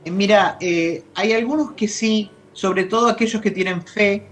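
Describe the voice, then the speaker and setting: A woman with an Argentine accent speaking as a grief specialist in an interview, measured and reflective, pausing to find her words. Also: medium pitch. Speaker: grief specialist guest on a talk show. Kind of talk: explanatory interview talk.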